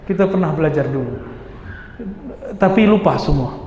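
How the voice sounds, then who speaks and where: A man preaches in a mosque with a lively, questioning manner, often turning to his listeners. His voice sits a little high for a man and rings through a large echoing hall. The sound is dull, with faint noise behind it. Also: moderate pace. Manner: lively, asks the audience rhetorical questions. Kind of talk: sermon.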